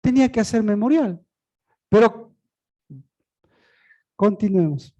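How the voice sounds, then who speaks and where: A preacher giving a sermon, asking and answering their own rhetorical questions, with sudden swings from loud high cries down to low murmurs. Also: slow, lo-fi sound.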